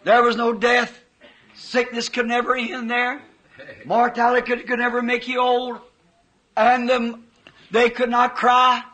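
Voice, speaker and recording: A preacher man tells of a vision with fervor, his speech folksy and unpolished. His voice sits very high for a man and comes out bright, and he takes his time between phrases. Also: monotone, slow pace, low-quality recording. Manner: fervent storytelling with folksy grammar. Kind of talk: sermon recounting a vision.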